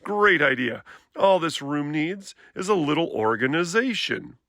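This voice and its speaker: A man plays a storybook papa bear, firm but reasonable. His voice is bright with some creak, and he explains in a measured manner. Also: on the high side, lively intonation, no room sound, clean studio sound, exaggerated voice. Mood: encouraging.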